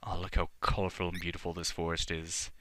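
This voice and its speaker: A man's voice: deep voice, monotone, brisk, pushed and bright. A man giving casual, mock-grand, tongue-in-cheek commentary as the host of a let's play. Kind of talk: casual video game commentary.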